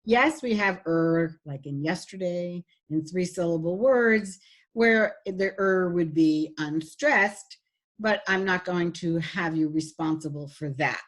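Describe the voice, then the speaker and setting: Slow, patient woman teaching a lecture. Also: lowish voice. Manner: patient, demonstrates sounds slowly. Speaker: phonetics instructor. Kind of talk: recorded online lecture.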